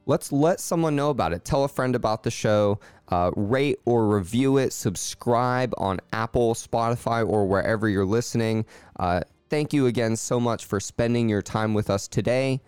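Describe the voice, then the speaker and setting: Brief: man, podcast host, smooth low voice, dry close mic. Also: no room sound, soft background music. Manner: friendly, steady, measured. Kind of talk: scripted intro and sponsor read, casual chat.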